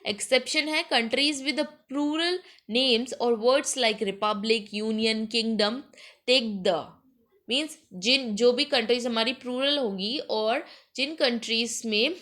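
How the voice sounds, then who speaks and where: A woman gives an exam-prep grammar lesson at an unhurried pace. Her voice sits fairly high, and she reads each English example sentence out slowly before explaining it in Hindi mixed with English. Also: fairly bright tone.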